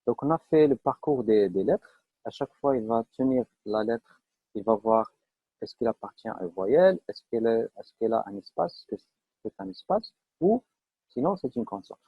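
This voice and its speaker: A man's voice: mid-range voice, expressive, moderate pace, husky, dry recording. A man teaching a live online programming class, explaining step by step with frequent fillers and checks that students follow. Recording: dull lo-fi online class audio.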